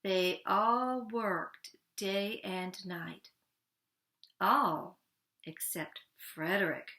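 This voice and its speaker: Female storyteller for a children's picture book; unhurried, expressive, mid-pitched, pausing between phrases.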